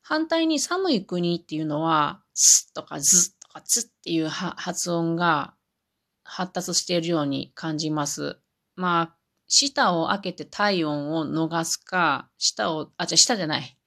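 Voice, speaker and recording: A woman's voice: on the low side, a little slow, a bit bright. A woman talking on her own in a chatty, explaining way, amused by her examples. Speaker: podcast host. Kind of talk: solo podcast talk.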